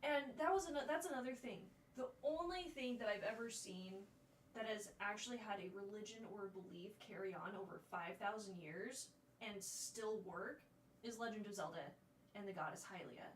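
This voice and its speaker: A woman co-hosting a casual movie review chat, animated and often acting out lines from scenes. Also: medium pitch, normal speed, slight background noise. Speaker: co-host. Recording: echoey room.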